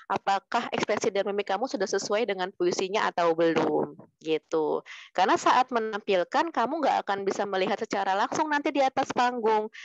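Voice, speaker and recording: Gentle woman teacher coaching children. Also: mid-range voice, dry recording. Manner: gentle, calls pupils "sayang" and "Nak", slows to demonstrate. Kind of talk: poetry reading lesson for children. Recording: dry, muffled lo-fi recording.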